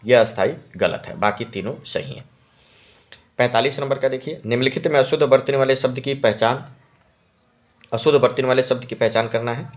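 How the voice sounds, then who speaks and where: A male teacher talks through a practice test, answer by answer. He repeats each key word and keeps checking his listeners are following. His voice sits at an ordinary middle pitch. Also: fairly quick. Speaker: Hindi exam-prep teacher.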